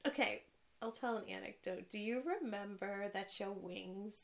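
This is a woman chatting on a casual podcast. She tells long stories that wander off on tangents. She laughs easily, and her voice sits at an ordinary middle pitch. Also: measured pace, vocal fry. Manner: rambling storyteller, laughs often. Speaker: podcast co-host. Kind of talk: casual chat.

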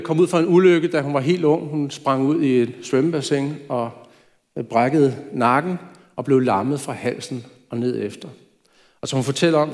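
A man's voice: medium pitch, darkish tone. A man preaching a sermon in a church, talking in a conversational way with light asides. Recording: reverberant church hall.

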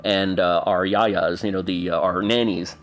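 Man, 40s, from Canada; low, reflective interview guest who hesitates and restarts a lot. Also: fairly even intonation, measured pace, slight background noise. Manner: thoughtful, hesitant, many fillers and restarts.

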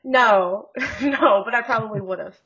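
A woman's voice: on the high side, unhurried, muffled recording, a crowd in the background. A woman co-hosting a podcast in casual chat, joking and rambling with frequent laughs, over a video call. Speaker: podcast co-host.

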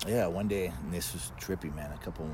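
Low-voiced male guest, casual fireside storyteller, colloquial and a bit sweary, recorded outdoors with clear background noise. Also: a little fast, darkish tone. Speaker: guest telling personal stories. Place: outdoors in a backyard. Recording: noisy outdoor ambience with vehicle sounds.

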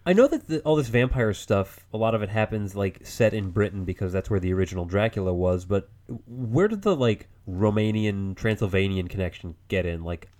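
A man's voice: lowish voice, brisk, hardly any pauses, darkish tone. A man co-hosting a casual comedy podcast, asking questions in a curious, joking way. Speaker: podcast co-host.

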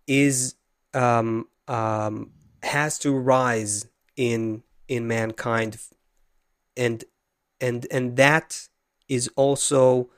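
A man teaching as an interview guest, earnest and halting, often restarting his sentences. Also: medium pitch, steady tone, dry recording, studio quality. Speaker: Kabbalah teacher. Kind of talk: explanatory interview answers.

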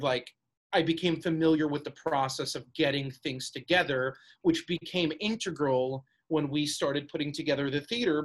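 A young man who grew up in Brooklyn, a theater co-founder, talking chattily with lots of "like" and "sort of". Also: mid-range voice. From Brooklyn, New York City; born in Russia. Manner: chatty, lots of "like" and "sort of", acts out his own past remarks. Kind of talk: interview guest.

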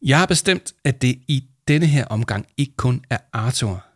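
A man reading a storybook and voicing a calm, warm adult mentor who speaks patiently. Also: medium pitch, husky, dry recording, clean studio sound, voice pushed up. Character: calm kindly adult mentor, gently smiling.

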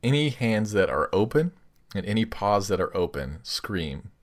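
Low-voiced man reading with mock drama. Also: sing-song, moderate pace. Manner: playful, reads text aloud with mock dramatic emphasis. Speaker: podcast co-host reading listener prompts. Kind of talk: casual comedic chat.

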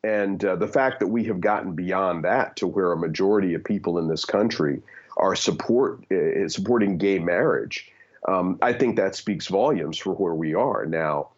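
A man in his fifties, appearing as a guest, gives candid opinions in conversation, earnest and full of fillers and restarts. His voice is deep and at normal speed, and the sound is lo-fi.

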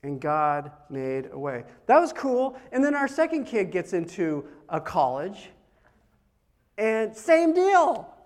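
A middle-aged man giving a conversational sermon as a pastor, telling stories in a casual, animated way with big swings in loudness. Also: fairly high pitch, unhurried, few pauses.

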